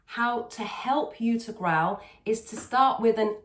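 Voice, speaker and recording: A woman's voice: on the high side, slow. A woman speaking as a singing teacher in a conversational tutorial, instructional and repeating words for emphasis. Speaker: singing teacher and video host. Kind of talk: conversational vocal technique tutorial. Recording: echoey, roomy sound.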